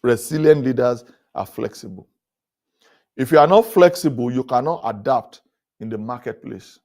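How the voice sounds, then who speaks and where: A man gives an animated, sermon-like leadership talk in a conference hall, with lively intonation and a slightly mellow voice at a moderate pace. He chuckles between points, and his pitch rises high whenever he hammers one home.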